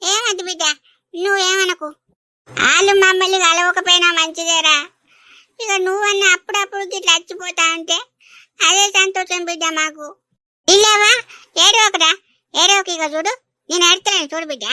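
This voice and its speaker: A woman voicing a fussy, doting old village grandmother in an animated comedy, coaxing and full of endearments. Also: very high-pitched, normal speed, pauses often, no echo, clean studio sound, exaggerated voice. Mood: soothing. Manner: coaxing, clucks endearments over and over.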